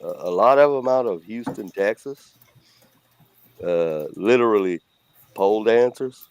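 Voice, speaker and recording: This middle-aged Louisiana man with a Cajun accent co-hosts a casual chat, talking in a blunt, rambling way. His pitch sits fairly low, his pace is a little slow, and the tone is clean.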